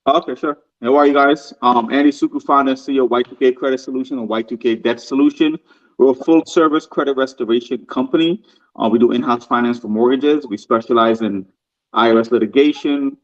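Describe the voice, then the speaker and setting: A man's voice: medium pitch, highs cut off. A guest on a live stream, a man answering and asking questions in an easygoing way. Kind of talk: casual interview chat.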